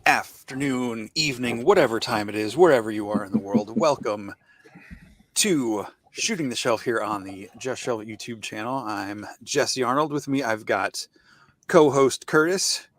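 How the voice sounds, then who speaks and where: A man's voice: medium pitch, unhurried, a little hiss or hum. A man hosting a casual podcast over a call, rambling through friendly introductions. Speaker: podcast host.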